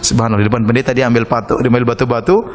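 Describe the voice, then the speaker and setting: A man preaching a sermon in a casual, conversational way, telling stories and acting out the dialogue loudly. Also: mid-range voice, racing, big-room sound, faint music behind. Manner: animated, acts out quoted dialogue with loud shouts. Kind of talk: sermon with storytelling.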